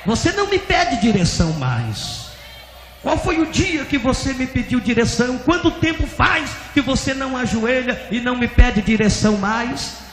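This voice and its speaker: A man voicing God, rebuking a pastor in a slow, solemn, emphatic way, heard in an echoey hall. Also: very high-pitched, animated, fairly bright tone, voice pushed up. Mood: stern. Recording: echoey hall, faint noise.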